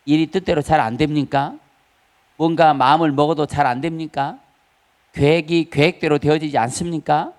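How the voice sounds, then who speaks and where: A man pastor preaching a Sunday sermon, asking the congregation questions and rising high on key words for emphasis. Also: a little mellow. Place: church sanctuary.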